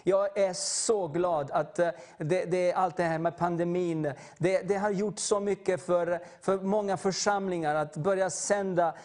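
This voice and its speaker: Man, high voice, preacher, fervent, halting, repeats words. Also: fairly even intonation, darkish tone. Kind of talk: sermon with personal testimony.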